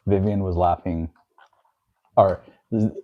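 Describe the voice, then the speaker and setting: A man's voice: deep voice, fairly even intonation, takes it slowly, phone-quality sound. A man co-hosting a live stream, reading viewer questions aloud and laughing a lot. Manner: reads chat comments aloud, laughs a lot. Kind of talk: casual live-stream chat.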